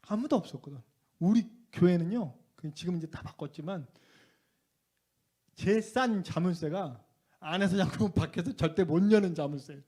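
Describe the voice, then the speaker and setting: A middle-aged male preacher with a high-pitched voice delivers a revival sermon in a church. He tells a personal story with fervor. His voice swings from loud outbursts down to near-whispers. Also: moderate pace. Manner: impassioned storytelling, swinging between shouts and hushed tones. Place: church sanctuary.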